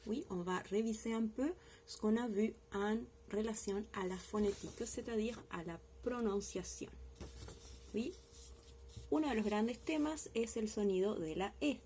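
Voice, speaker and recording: A woman's voice: mid-range voice, mellow, slight background noise. A woman teacher giving a recorded language lesson, explaining patiently step by step and often checking in with her class. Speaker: French teacher.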